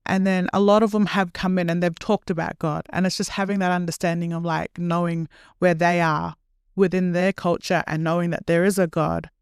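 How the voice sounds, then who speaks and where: A woman's voice: fairly low pitch, level tone, a little fast, clean tone, no echo, studio quality. A young woman, a nurse, answering interview questions in a chatty, earnest way and laughing at herself now and then. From Australia. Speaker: nurse and podcast guest.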